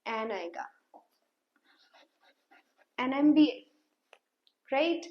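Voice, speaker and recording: A woman teaches grammar at an unhurried pace, stopping to quiz her class and sound out letters one by one. Her voice sits high, and the recording is dull and muffled. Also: animated. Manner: patient, asks questions and repeats sounds slowly. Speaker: English teacher.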